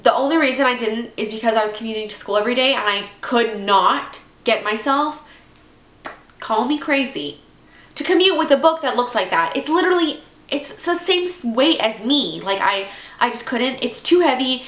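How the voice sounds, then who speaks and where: A congested young woman in her twenties talks books to camera in a loose, rambling way full of asides, since she's a book vlogger. She speaks at a normal speed in a slightly high, expressive, somewhat bright voice. She's indoors at home, where the room echoes and faint noise lingers.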